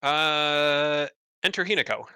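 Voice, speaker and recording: Sharp-voiced man running a tabletop game. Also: on the high side, lively intonation, clear, resonant tone, dry recording, clean studio sound. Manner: halting, repeats words. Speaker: game master.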